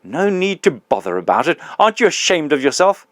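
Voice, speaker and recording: Male reader doing big ghost: loud, aggrieved working man, indignant, dry booth sound. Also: medium pitch, very animated, unhurried, no echo, pitched above the performer's own voice. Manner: loud, indignant, coarse working-class speech. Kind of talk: audiobook reading.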